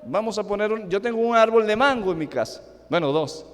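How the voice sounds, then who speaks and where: Animated Venezuelan preacher in echoing church. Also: male voice, high voice, a little fast. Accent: Venezuelan Spanish. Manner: emphatic, rising and falling sharply, with rhetorical questions. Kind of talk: sermon. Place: church sanctuary.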